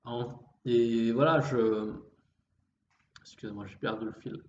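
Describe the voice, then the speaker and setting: Homme créole réunionnais au débit lent et hésitant. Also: male voice, medium pitch, fairly even intonation. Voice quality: slightly effeminate voice. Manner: halting, with repeated false starts and trailing phrases; refined way of speaking. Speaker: vlogger. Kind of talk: introspective monologue. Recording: dull, roomy, faint background noise.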